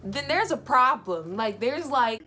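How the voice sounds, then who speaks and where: A young woman vlogger telling a casual, animated travel story, full of fillers. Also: a little high, unhurried, a little hiss or hum.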